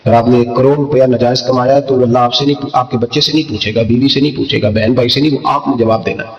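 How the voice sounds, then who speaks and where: A man preaching a sermon, impassioned and emphatic, climbing to high fervent peaks. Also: fairly even intonation, fast, dull audio. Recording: echoey hall with long reverb.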